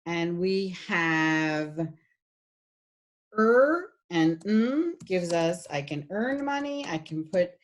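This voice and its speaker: A woman's voice: lowish voice, expressive, very slow. A woman giving a recorded phonetics lecture, patiently demonstrating sounds while sharing her screen. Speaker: phonetics instructor.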